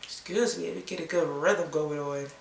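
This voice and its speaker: A young woman vlogger chatting casually and rambling to viewers in a low, unhurried way while recovering from an illness. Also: creaky. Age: young adult. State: recovering from illness, clearing throat. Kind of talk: casual chat to viewers while doing her hair. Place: small indoor room. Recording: roomy echo, audible background hiss.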